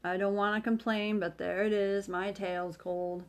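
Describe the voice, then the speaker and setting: A woman voicing a gloomy, complaining old grey donkey who talks slowly and mournfully. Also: medium pitch, little pitch movement, close to an everyday voice. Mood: gloomy grumbling. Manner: slow, mournful grumbling.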